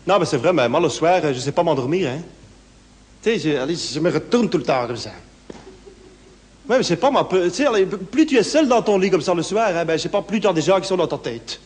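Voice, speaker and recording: A man's voice: expressive, a little fast, a little mellow. A man with a Brussels French accent performing a nervous, rambling one-man stage monologue, full of local fillers and sudden put-on voices. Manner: acts out other voices in higher pitch. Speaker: stand-up performer. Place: theatre stage. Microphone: handheld stage mic. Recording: long hall reverb, faint room noise.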